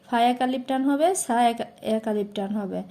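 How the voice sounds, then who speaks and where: A woman's voice: a little high, fairly quick, mellow. A woman with a Bangladeshi Bengali accent teaching Quran pronunciation, stretching out each syllable as she recites. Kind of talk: slow pronunciation lesson.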